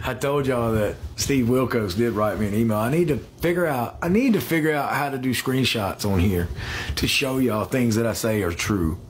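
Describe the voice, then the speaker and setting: A man's voice: mid-range voice, normal speed, a little hiss or hum. A man of thirty-eight talking casually to viewers on a phone livestream from a small room. He hesitates and repeats himself as he speaks straight to the audience. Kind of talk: casual live chat. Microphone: phone held close.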